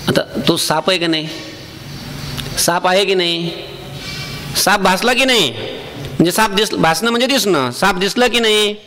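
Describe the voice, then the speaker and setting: A man giving a devotional sermon as a preacher, asking the listeners questions and answering them himself, and slowing down to chant verses. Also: sits high, bright, forceful tone, long reverb tail, slight background noise. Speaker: Varkari preacher.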